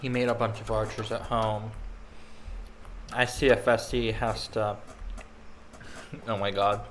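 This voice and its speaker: A man's voice: lowish voice, flat delivery, slow, slight background noise. A man giving casual, rambling commentary over video game replays, chatting while he snacks. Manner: rambling, laid-back, snacking while talking.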